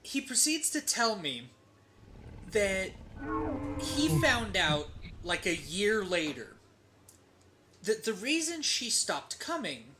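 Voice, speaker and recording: While gaming, a streamer tells a comedic story casually, using profanity, dramatic pauses and rhetorical tags. The mid-range voice is very animated with a sharp tone, and there's slight background noise.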